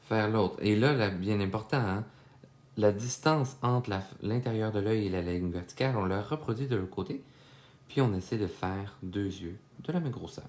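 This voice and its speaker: Speaking at a moderate pace, this drawing instructor has a fairly low, slightly mellow voice that echoes in the room. He's a young Québécois man leading a live drawing class from his home studio, chatting loosely with viewers amid plenty of fillers and side remarks.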